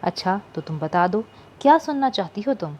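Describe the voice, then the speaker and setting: A woman's voice: medium pitch, big pitch swings, normal speed, darkish tone, a little hiss or hum, natural voice. A woman voicing a wry teasing young shopkeeper. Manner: wry, mock-offended banter.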